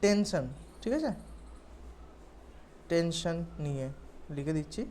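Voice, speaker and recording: A woman's voice: on the low side, animated, takes it slowly, warm tone, a little hiss or hum. Woman tutoring casually. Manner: conversational, checks in with "okay?" often. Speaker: English exam tutor. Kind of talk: casual explanatory lesson.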